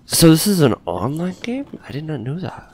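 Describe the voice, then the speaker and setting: A man's voice: fairly high pitch, big pitch swings, normal speed, a little mellow, husky. A man giving casual gameplay commentary, thinking aloud informally as he plays. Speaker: gaming video host.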